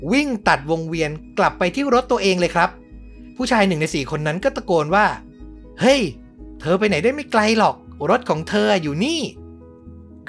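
A man's voice: a little high, fairly bright tone. Man telling a true-crime story. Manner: conversational, adds personal comments to the story. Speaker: podcast host and storyteller.

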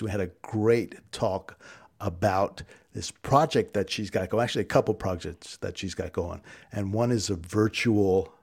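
Another podcast host, this man's voice sits on the low side and sounds a little mellow. Talking solo, he preaches in a fired-up way, rallying listeners with call-and-response lines to repeat back with him.

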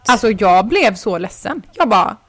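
A woman's voice: mid-range voice, big pitch swings, fairly bright tone, husky, no echo. A young woman co-hosting a podcast, chatting expressively with many fillers, recorded remotely from home. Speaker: podcast co-host. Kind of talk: casual podcast chat. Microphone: home mic, remote recording.

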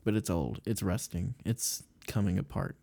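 A man talks in a loose, rambling way, full of fillers and little laughs. His voice sits low and has a warm, mellow color. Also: steady tone, moderate pace, gravelly. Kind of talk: casual chat.

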